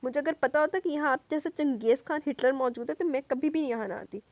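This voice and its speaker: A frightened young heroine cries and pleads in a high, strained voice, as a woman narrator acts her out. Her lines come out loud and close. The sound is dry. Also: no echo. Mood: tearful. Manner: crying, pleading.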